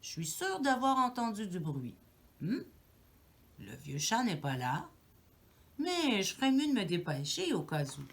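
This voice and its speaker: A woman's voice: medium pitch, huge pitch swings, measured pace, pauses often. A woman with a Québécois accent voicing a cautious grown father mouse who talks to himself warily. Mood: wary. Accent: Québécois French. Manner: careful, wary muttering to himself.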